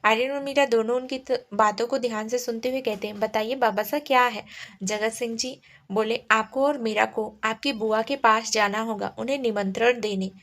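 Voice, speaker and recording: A woman's voice: on the high side, steady tone, moderate pace, a bit bright. A woman storyteller reading a romantic family drama aloud, speaking every character's lines herself with only small changes to her own voice.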